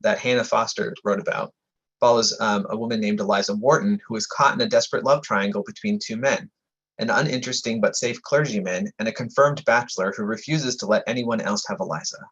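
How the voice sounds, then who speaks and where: A lecturer with a lowish, husky, fairly bright voice talks a little fast through a slide-based history lecture on his book about historic buildings. Reading from prepared text, he frequently trips over words and fixes himself. Sirens go by in the dull, muffled audio, sometimes under his speech.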